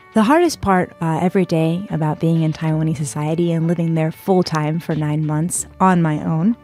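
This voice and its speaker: Chatty young woman, lowish voice. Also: a little mellow. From San Diego, California. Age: 20s. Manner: chatty, frequent "like" and "uh" fillers. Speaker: podcast guest. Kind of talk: personal storytelling interview.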